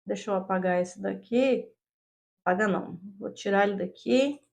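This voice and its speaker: A woman's voice: medium pitch, normal speed, creaky, a little mellow. A woman teacher explaining English grammar step by step, often checking in with her students. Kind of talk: classroom lesson explaining grammar.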